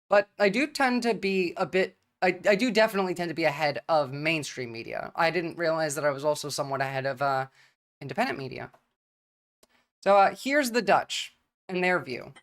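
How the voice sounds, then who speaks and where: Streamer ranting about politics, sardonic, lots of uhs and likes, middle pitch. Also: animated, normal speed, fairly bright tone. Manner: casual, sardonic, many fillers. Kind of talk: livestream political commentary.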